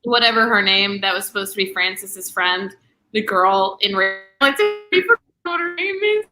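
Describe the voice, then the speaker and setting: Music plays in the background as a young woman with an animated, mid-range voice hosts a relaxed livestream book chat on her booktube channel. She talks breezily, scattering "like" fillers and quick asides.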